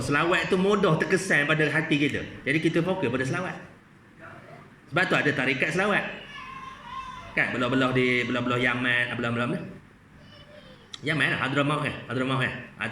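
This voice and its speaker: Male mosque lecturer, bright forceful tone, conversational, keeps asking the room questions; echoey hall. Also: a little high, a little hiss or hum. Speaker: religious lecturer.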